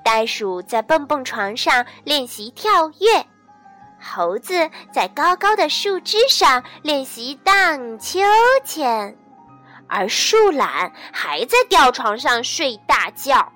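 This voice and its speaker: A woman telling a bedtime story to children in a gentle, sing-song, soothing manner. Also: high voice, sing-song, takes it slowly. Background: soft background music.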